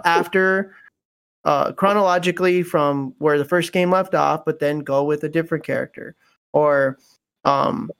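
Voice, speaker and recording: Rambling man, slightly higher voice. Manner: rambling, full of fillers and restarts. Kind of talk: casual chat about video games.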